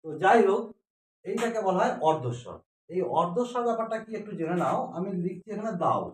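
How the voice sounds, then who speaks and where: A man's voice: high voice, big pitch swings, quick pace. A man teaching a grammar lesson, asking questions and then answering them himself. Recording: echoey room, mic far off.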